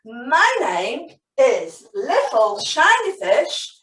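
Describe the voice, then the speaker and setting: A woman gives voice to a small magical fish that speaks slowly and deliberately in a storybook. The voice is high, and the sound is roomy and distant. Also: huge pitch swings, a bit bright, full character voice. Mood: wondrous. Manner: slow and deliberate.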